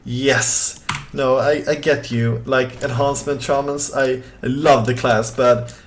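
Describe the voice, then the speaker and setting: A young streamer from southern Sweden talks casually with a Swedish accent while gaming and reading chat, easygoing and rambling, often restarting and using fillers. His mid-range voice keeps a fairly even intonation, and he takes it slowly.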